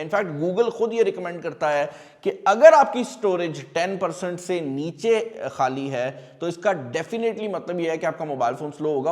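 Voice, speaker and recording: Male tech host, chatty and direct, slightly high voice, hall echo. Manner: chatty, addresses viewers directly, explains with everyday examples. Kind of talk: casual explainer talk. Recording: long hall reverb.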